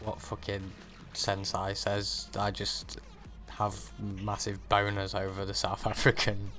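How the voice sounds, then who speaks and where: A man's voice: lowish voice, completely flat delivery, takes it slowly, over music. A man co-hosting a casual chat, blunt and playful, swearing freely. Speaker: co-host.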